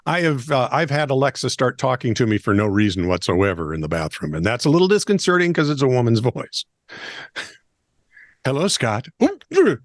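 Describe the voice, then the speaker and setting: A man's voice: a little high, dry recording, studio quality. A man co-hosting a comedic oddball news podcast, reading stories with wry jokes and asides. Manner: jokey, lively, reads stories with wry asides. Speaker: co-host.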